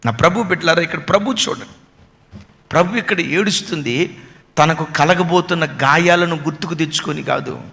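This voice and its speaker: A Telugu-accented male pastor preaching an emotional sermon, pressing repeated questions and often dropping into hushed, prayerful tones. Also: a little high, normal speed, creaky, big-room sound.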